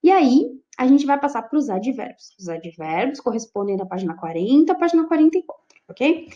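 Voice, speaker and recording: Lively Brazilian teacher woman, dull recording. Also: high voice, fairly quick. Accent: Brazilian Portuguese. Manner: explains with frequent check-ins to students. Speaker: Portuguese teacher. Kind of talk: online class lecture.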